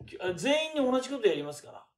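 An older man giving a chatty lecture on classical texts, asking rhetorical questions and pausing with fillers. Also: extremely high pitch, sing-song. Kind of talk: casual lecture. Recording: roomy echo.

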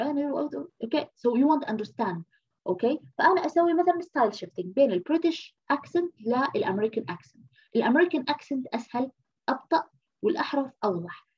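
Lady lecturer from egypt, quick and a bit husky, keeps asking "okay?", muffled lo-fi recording. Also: high-pitched, darkish tone. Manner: explains patiently, repeating key terms and checking in with "okay?". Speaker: university lecturer.

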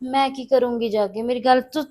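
A woman's voice: a little high, fairly even intonation, a little fast, warm tone, natural voice. A woman playing a young unmarried daughter who anxiously pleads with her mother in a family drama. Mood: pleading, upset. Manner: pleading, defensive.

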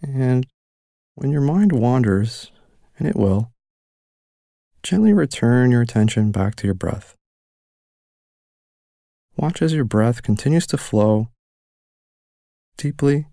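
Male meditation narrator, relaxed dark tone, gravelly fry, calm and gentle, lingering pauses. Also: medium pitch, dry recording, studio quality. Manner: calm, gentle, unhurried instruction with long pauses. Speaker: meditation guide. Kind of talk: guided mindfulness meditation narration.

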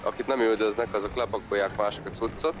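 A man leading a group in casual in-character game roleplay, calmly directing and organizing the others. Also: on the low side.

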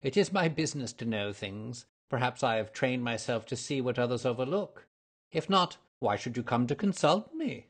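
A man reading Sherlock Holmes, calm and precise. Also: mid-range voice, breathy edge. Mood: lecturing. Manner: measured, explaining deductions. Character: male detective, cool, precise and lecturing. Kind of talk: audiobook character reading.

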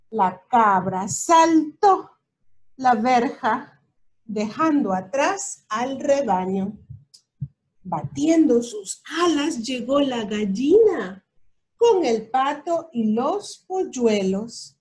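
A woman reads a children's storybook aloud at an unhurried pace. Her voice sits high and stays expressive. She stops now and then to point things out to a young listener. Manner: slow and expressive, talking to a child.

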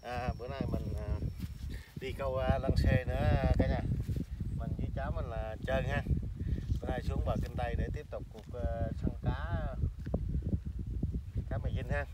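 Man, 50s, Southern Vietnamese accent, halting casual talk, mid pitch, loud wind and rain noise outdoors. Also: fairly even intonation, far from the mic. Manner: halting, many drawn-out filler sounds. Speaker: fishing vlogger. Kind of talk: casual chat to camera.

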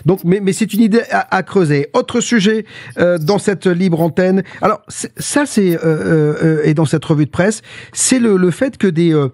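Gravelly-voiced male talk-radio host. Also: high-pitched, normal speed, dry recording, clean studio sound. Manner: animated, restarts often, asks co-host questions. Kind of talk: casual talk-radio chat.

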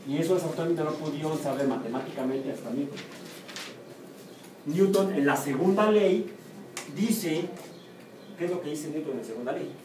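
Male professor with a Mexican accent, fairly high voice, lively lecturing, heard from across an echoey, noisy room. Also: moderate pace, long pauses. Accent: Mexican Spanish. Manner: lively, chatty, asks the class questions and answers them himself. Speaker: university biomathematics professor. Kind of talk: classroom lecture. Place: lecture classroom. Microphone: room or camera mic from a distance. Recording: echoey classroom, far from the mic, noisy.

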